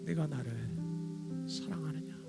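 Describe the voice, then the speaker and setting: A man's voice: on the high side, fairly even intonation, moderate pace, creaky, loud music behind the voice. Earnest male pastor preaching. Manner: earnest, dramatic preaching with voiced quotes. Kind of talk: sermon. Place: church sanctuary.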